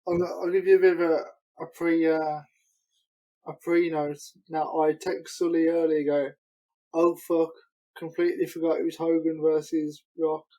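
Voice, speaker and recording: A man co-hosting a podcast in relaxed, joking chat. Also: a little high, normal speed, low-quality recording. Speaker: podcast co-host. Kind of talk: casual chat.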